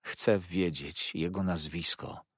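A man's voice: low voice, fairly even intonation, slow, fairly bright tone, slightly rough, no room sound, clean studio sound, exaggerated voice. A man reading as a stunned, vengeful old fisherman. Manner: hollow, dull delivery turning vehement. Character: grief-stricken old fisherman uncle, stunned then fierce. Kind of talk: audiobook character reading.

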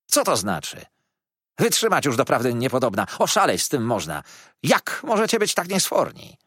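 A man's voice: medium pitch, big pitch swings, normal speed, husky, dry recording, clean studio sound, voice pushed up. A man voicing a meek male schoolteacher who has lost his patience, speaking in a raised, strained, pleading voice. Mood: exasperated.

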